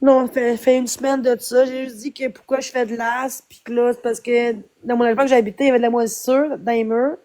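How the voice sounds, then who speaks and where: A woman with a Québécois accent ranting on a livestream, distraught, swinging between teary laughter, shouting and hushed attempts to calm herself. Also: a little high, fairly quick, few pauses. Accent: Québécois French. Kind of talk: emotional livestream rant.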